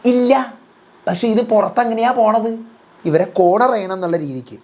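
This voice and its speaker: A woman voicing a male housemate who argues his point slowly and deliberately. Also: mid-range voice, animated, a little mellow, lightly acted. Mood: reasoning. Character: slow, reasoning male housemate.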